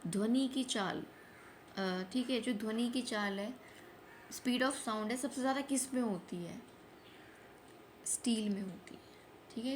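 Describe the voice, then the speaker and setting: A woman teacher running a quick exam revision lesson, asking each question and repeating the answer so it sticks. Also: on the high side, a little hiss or hum. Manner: repeats each answer, mixes Hindi with English terms. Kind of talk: fast quiz-style revision lesson.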